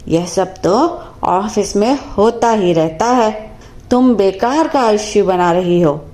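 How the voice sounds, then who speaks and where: A woman's voice: medium pitch, expressive, slow, mellow. A woman voicing a young husband in a cartoon story who brushes off his wife's worries. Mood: dismissive. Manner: dismissive and offhand.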